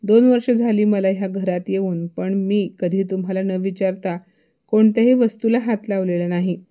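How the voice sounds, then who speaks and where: A woman's voice: mid-range voice, steady tone, normal speed, lo-fi sound, close to an everyday voice. A woman doing an indignant young daughter-in-law. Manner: indignant, pleading.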